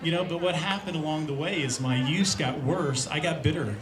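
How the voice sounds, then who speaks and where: A man's voice: fairly high pitch, brisk, a crowd in the background. Man in his 50s, from Indiana, earnest testimony, roomy church hall, audience heard around him. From Indiana, USA. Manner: earnest, reflective, with many fillers. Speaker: speaker sharing a recovery testimony. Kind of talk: personal testimony at a church event. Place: large room at a church event with an audience.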